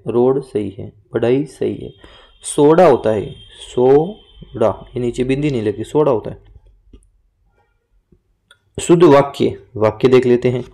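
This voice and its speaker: A man's voice: mid-range voice, vocal fry, dark tone. A man teaching an exam-prep lesson, going through answers and repeating each word to drill the correct spelling. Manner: explains and repeats words, drills spelling points.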